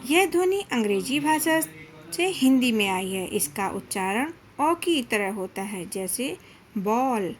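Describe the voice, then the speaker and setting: A woman teaching a grammar lesson to children, pronouncing each sound slowly and deliberately. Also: fairly high pitch, sing-song, a little hiss or hum. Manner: slow, deliberate, drawn-out syllables with frequent pauses. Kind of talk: slow classroom lesson for children.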